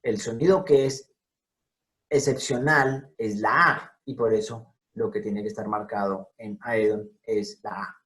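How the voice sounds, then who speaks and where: A man's voice: on the low side, steady tone, moderate pace, mellow, poor audio. A man giving a lecture over a video call, carefully spelling out and repeating each sound as he explains. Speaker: lecturer on scientific name pronunciation. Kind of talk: explanatory talk over slides.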